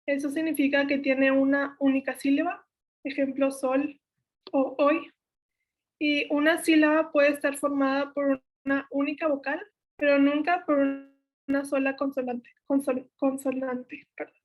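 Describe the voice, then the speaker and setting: Young woman, Mexican Spanish accent, high voice, even monotone, methodical workshop teaching. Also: a little slow. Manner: steady list-like delivery, self-corrects. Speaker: workshop instructor. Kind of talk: explaining spelling rules.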